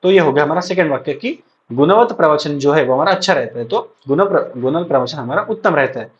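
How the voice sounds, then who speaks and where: A young man with a somewhat high voice teaches an exam-prep lesson. He drills terms aloud for his students to repeat and keeps checking in with them. The recording sounds dull and lo-fi. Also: lively intonation, fairly quick. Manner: frequent check-ins to students. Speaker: ayurveda college lecturer.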